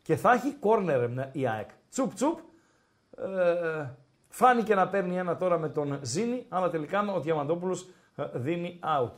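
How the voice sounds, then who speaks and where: High-voiced man hosting live match chat. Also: expressive. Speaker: podcast host and betting tipster.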